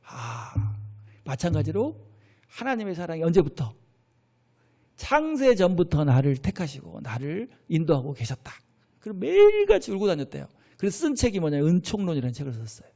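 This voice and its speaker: Male pastor, middle-aged, lively high-pitched sermon voice with questions thrown to the pews. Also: moderate pace. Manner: animated preaching with call-and-response questions to the congregation. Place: church sanctuary.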